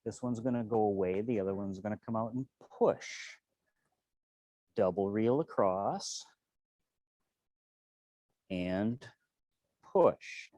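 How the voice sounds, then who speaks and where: Low-voiced man giving serene tai chi cues. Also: moderate pace, dark tone, no room sound. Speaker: tai chi and qigong instructor. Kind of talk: tutorial movement cues.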